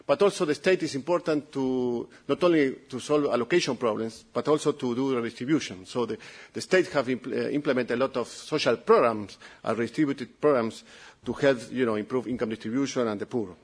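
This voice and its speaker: A man's voice: medium pitch, fairly quick, slightly rough. Italian-accented man presenting a report. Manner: repeats words and restarts often.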